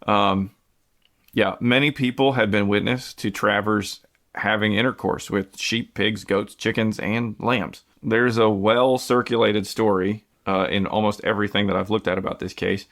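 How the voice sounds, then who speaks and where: Here the US podcast host's voice sits on the low side, steady in tone and a bit bright, at a moderate pace. He recounts a true-crime tale conversationally, with frequent fillers and false starts.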